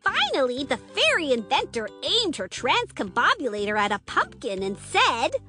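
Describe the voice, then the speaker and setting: A woman narrating a scripted children's story with animated, dramatic build-up. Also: sits high, normal speed, faint music behind.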